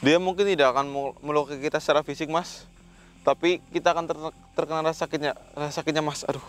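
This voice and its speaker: A man's voice: fairly high pitch, steady tone, quick pace, slight background noise. A man hosting a ghost-hunting vlog who sternly questions an unseen spirit and recites Islamic prayers between his questions. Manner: commanding, confronting an unseen spirit. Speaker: paranormal investigator host.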